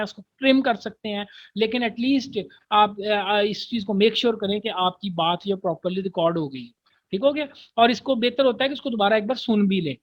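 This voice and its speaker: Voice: mid-range voice, fairly bright tone, dry recording. Patient teacher. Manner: reads English lines slowly, then explains them in everyday Urdu; patient, checks understanding often. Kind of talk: online class lecture.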